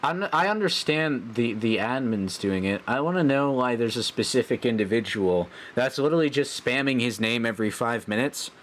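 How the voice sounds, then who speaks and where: A man's voice: mid-range voice, expressive, moderate pace, few pauses, a little hiss or hum. A man on a live stream pressing the server owner with pointed questions about the staff.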